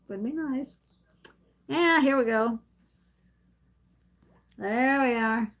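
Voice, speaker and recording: A middle-aged woman vlogger tells a story on her own live stream at home, speaking to a camera set up in front of her. Her voice sits high and a bit bright, and she talks extremely slowly, rambling and chatty, laughing often and restarting sentences.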